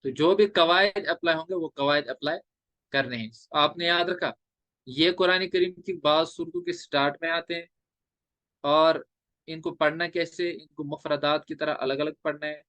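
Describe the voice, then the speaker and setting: A male teacher explaining recitation rules step by step, drawing out letters in slow chanted examples. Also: fairly high pitch, fairly even intonation, sharp tone, dry recording. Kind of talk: classroom lecture on recitation rules.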